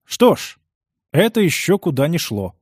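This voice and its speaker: A man's voice: a little high, big pitch swings, measured pace, darkish tone, husky, no echo, pitched above the performer's own voice, exaggerated voice. A man reading the part of a strict middle-aged uncle who speaks curtly and dryly. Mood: grudging. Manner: curt, dry, reluctant.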